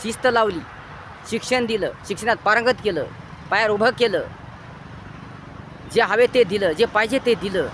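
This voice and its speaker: Marathi male lecturer, high and sharp-toned, repetitive emphatic moral sermonizing. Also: normal speed, long pauses, a little hiss or hum. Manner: preachy, repetitive, swings between loud emphatic bursts and low quiet lines. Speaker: motivational speaker.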